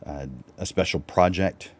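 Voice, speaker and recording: A man with a low voice hosting a live-stream teaching talk, relaxed and conversational, with fillers and restarts. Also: a little slow. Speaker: host.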